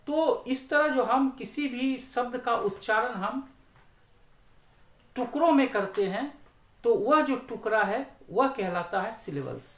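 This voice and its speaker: A woman teacher giving a grammar lesson, speaking slowly and deliberately and repeating words to break them into syllables. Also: on the high side, lively intonation. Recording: echoey room.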